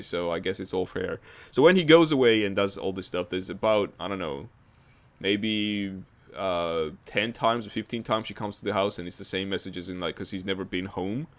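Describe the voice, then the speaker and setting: A man with a very low voice talks through his thoughts on a game in a loose, rambling way. He restarts his sentences often and sounds mildly exasperated. It is casual spoken commentary into a desktop mic. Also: fairly bright tone. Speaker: game reviewer.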